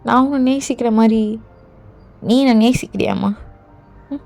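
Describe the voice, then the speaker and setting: A woman voicing a ruthless young male king who talks in a low, slow, possessive murmur in a fan audio drama, over faint music. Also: gravelly, a little mellow. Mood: doting.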